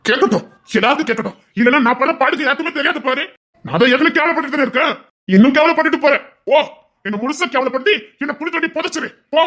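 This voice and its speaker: An actor with a Tirunelveli Tamil accent playing a desperate young man who pleads with his lover, swinging from hushed pleas to shouting. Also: very high voice, very fast. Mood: anguished shouting. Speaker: actor in a romance drama. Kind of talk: emotional drama acting.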